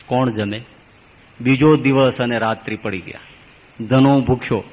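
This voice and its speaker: A male swami tells a sacred story in a sermon, with sudden swings from loud, raised lines to hushed asides. His voice sits at an ordinary middle pitch. A long reverb from the hall hangs behind every phrase. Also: steady tone, a little slow. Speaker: swami preacher.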